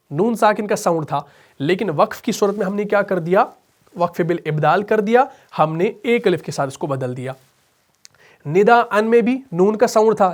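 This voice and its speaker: A man with a fairly high voice and a Pakistani Urdu accent teaches Quran recitation. He explains each rule patiently, posing questions and answering them himself. He chants the example verses slowly and melodically. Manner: patient, asks and answers his own questions. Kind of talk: tajweed lesson with recited examples.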